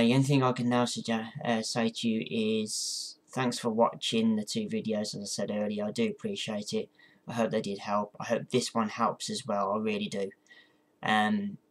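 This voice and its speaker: A man talking casually through an instructional vlog, hesitant and apologetic, with encouraging words for his viewers. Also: lowish voice. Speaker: amateur ventriloquist giving a tutorial.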